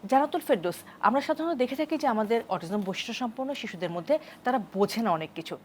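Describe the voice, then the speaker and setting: A woman hosting a studio TV talk show, moving the panel along briskly and addressing each guest by name. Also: a little high, expressive, slight background noise.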